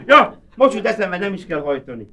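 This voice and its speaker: A man's voice: sits high, very animated. A man performing a live cabaret monologue as a boastful, rambling male asylum inmate who keeps buttonholing his listener. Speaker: cabaret comedian. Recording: hissy old cassette of a live show with loud audience laughter.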